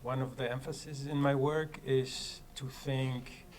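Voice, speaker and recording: A man's voice: mid-range voice, little pitch movement, slow, a little hiss or hum. A man from Chile, a law professor, introducing his work thoughtfully with restarts and fillers. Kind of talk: panel self-introduction.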